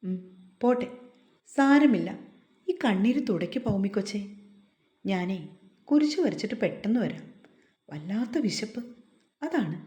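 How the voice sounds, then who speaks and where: A woman's voice: mid-range voice, lively intonation, a little slow, long pauses, reverberant, natural voice. A woman doing a tender young man. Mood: gentle. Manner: soft, coaxing and affectionate.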